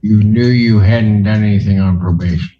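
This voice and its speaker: Judge, man, stern and deliberate, with a low voice on a muffled courtroom recording. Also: steady tone, faint music behind. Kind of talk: courtroom proceedings.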